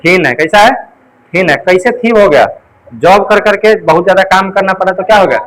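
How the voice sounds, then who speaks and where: A man teaching an exam coaching class in a high voice. He quizzes his students over and over and repeats the answers in drills. He leans on memory tricks to make the facts stick. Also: brisk, fairly bright tone, poor audio. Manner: call-and-response drilling with mnemonics.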